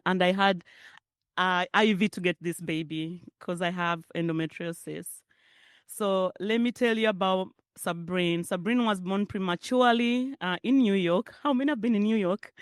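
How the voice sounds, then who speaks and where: A woman's voice: mid-range voice, dry recording, clean studio sound. A middle-aged woman from Uganda with a Ugandan accent, giving a conversational keynote speech at a forum. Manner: warm, conversational, laughs often. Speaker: keynote speaker. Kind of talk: public speech.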